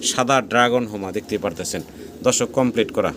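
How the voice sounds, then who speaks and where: Rapid-talking Bangladeshi man selling pigeons. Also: fairly low pitch. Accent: Bangladeshi Bengali. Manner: rapid patter, repeats prices, frequent blessings. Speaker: pigeon seller channel host. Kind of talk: fast walkthrough sales tour. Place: pigeon farm with cages. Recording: noisy farm recording with pigeons. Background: pigeons cooing.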